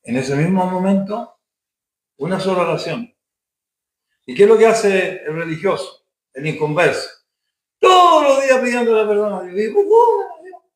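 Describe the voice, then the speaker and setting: High-voiced preacher in echoey church. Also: male voice, very animated, normal speed, pauses often, a bit bright. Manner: emphatic, rhetorical questions. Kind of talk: Sunday school sermon.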